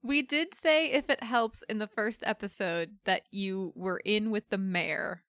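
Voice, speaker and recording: A woman's voice: mid-range voice, a little slow, fairly bright tone, no room sound, studio quality. A woman player in a casual tabletop game, enthusiastic and giggly, swearing freely.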